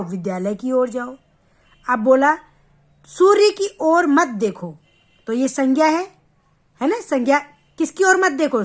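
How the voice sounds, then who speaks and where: A woman teaching children a grammar lesson, explaining slowly and stretching out sounds to show how they are spoken. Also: high-pitched, fairly bright tone.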